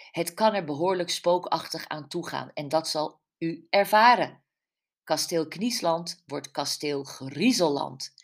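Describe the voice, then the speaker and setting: A woman's voice: lowish voice, exaggerated voice. A woman putting on an eager newcomer mother. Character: newly arrived mother, eager and hopeful.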